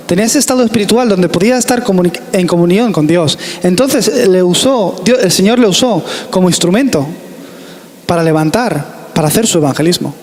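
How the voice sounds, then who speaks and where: A man with a Spanish accent from Spain delivers a sermon in a high, earnest voice, driving his points home by repeating them. His words carry a long reverb, as if heard in a church hall. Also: a little mellow. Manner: earnest, emphatic preaching with repeated phrases. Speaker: preacher.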